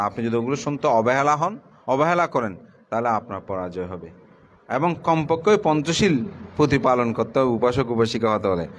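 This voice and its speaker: A middle-aged Buddhist monk delivering a sermon to lay followers in a plain, conversational way, his voice sinking low as he finishes each point. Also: fairly bright tone, slight background noise. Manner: plain conversational preaching, pitch drops at the end of points.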